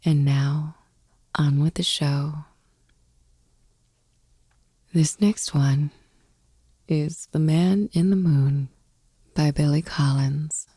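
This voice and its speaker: Whispering softly and breathily near the microphone, a woman hosting a sleep ASMR podcast reads poems at a slow, soothing pace. Her voice is low with a steady tone, and there's no echo.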